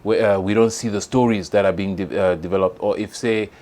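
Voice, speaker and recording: Hesitant man with a low voice. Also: steady tone, fairly quick, a little mellow. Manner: hesitant, many fillers and restarts. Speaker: award presenter. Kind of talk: casual spoken tribute.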